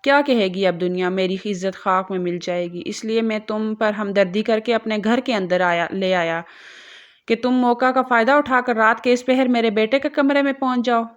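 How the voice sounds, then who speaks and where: A woman's voice: on the high side, steady tone, dull audio, lightly acted. Angry father figure, stern, harsh, woman doing the voice. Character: angry stern older man, father of the house.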